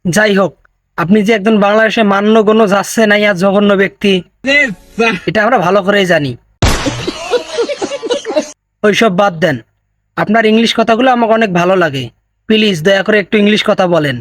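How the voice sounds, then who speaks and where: A man's voice: sits high, fast talker. A man hosting a comedic roast video, teasing and sarcastic in tone. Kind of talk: mocking comedic roast narration.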